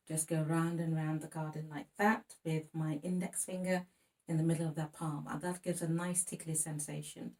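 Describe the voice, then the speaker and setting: Gentle woman teaching baby rhymes. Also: low voice, distant mic. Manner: gentle, chatty, with frequent ums and sung rhymes. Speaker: music teacher. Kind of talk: demonstrating baby lap songs and rhymes.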